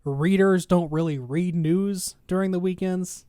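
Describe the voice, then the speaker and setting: A man's voice: sits high, a little slow, warm tone, clear, resonant tone, no echo, studio quality. A man co-hosting a gaming news podcast, reading articles aloud and then riffing on them with sarcastic asides in casual chat. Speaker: podcast co-host.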